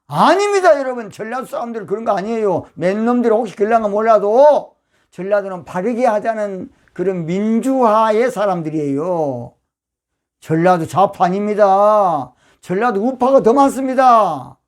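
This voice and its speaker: An older man, a pastor from Yeosu with a Jeolla accent, preaching a fiery, emphatic sermon that breaks into sudden loud outbursts. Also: high-pitched, normal speed. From Yeosu, Jeolla province, South Korea.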